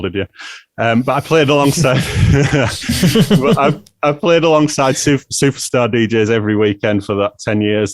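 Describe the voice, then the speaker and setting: A man's voice: lowish voice, no room sound. A British man in his forties hosting a podcast, talking candidly and reflectively about his own past. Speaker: podcast host. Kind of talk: conversational podcast intro and interview.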